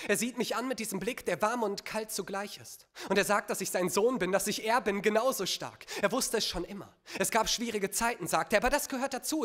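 A man on stage performing a spoken-word slam poem, dramatic, swinging between hushed lines and loud bursts. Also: high voice.

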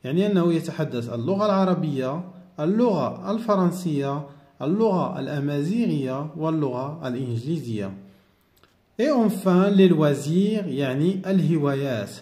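A man teaching a French lesson, reading French slowly and carefully and explaining it more quickly in Arabic. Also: a little high, expressive, mellow, roomy sound.

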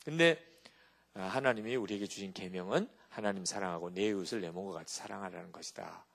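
A man's voice: sits low, quick pace, creaky. A male pastor giving a sermon, telling stories with animation and often checking in with his listeners. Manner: animated storytelling with rhetorical check-ins to the congregation.

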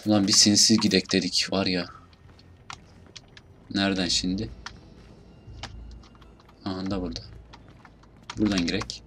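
A young man with a Turkish accent casually commentating his gameplay, muttering, swearing at enemies and bursting out loudly now and then. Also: low-pitched, level tone, a little slow, pauses often, a little hiss or hum. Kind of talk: casual let's play commentary.

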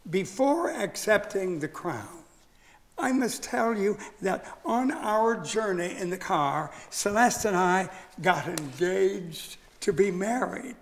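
A man voicing a gracious young male elephant who is about to become king, speaking with slow, careful dignity. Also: high voice, fairly bright tone, heavily acted.

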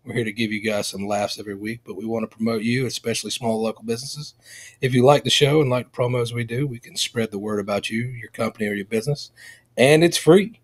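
A man reading a podcast promo in a smooth, announcer-like delivery. His mid-pitched voice has a husky edge. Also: quick pace. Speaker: podcast co-host.

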